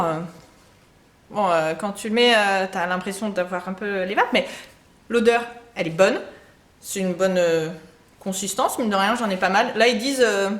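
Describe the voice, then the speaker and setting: A woman's voice: medium pitch, echoey room. A woman giving casual beauty tips to her camera, chatty, with many fillers and frequent laughs. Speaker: beauty vlogger.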